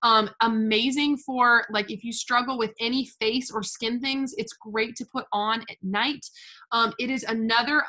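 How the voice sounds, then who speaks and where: A young American woman talks through a product kit in a bright, clear voice that sits a little high. She is chatty and gushing, with fillers everywhere. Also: fairly even intonation, moderate pace. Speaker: essential oils seller. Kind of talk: casual product walkthrough.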